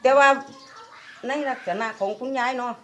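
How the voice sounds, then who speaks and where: A woman's voice: on the high side, moderate pace, fairly bright tone, highs cut off, a little hiss or hum. An older woman with an Isan accent telling a dream in a rambling way, repeating her words. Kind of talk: casual storytelling. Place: outdoors among a group of reporters.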